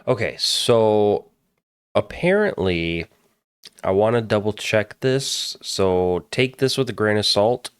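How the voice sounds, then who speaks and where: A podcast host reacts casually and bluntly to a movie trailer, occasionally swearing. His voice is on the low side, expressive and clean, delivered slowly. The studio recording is clean with no room sound.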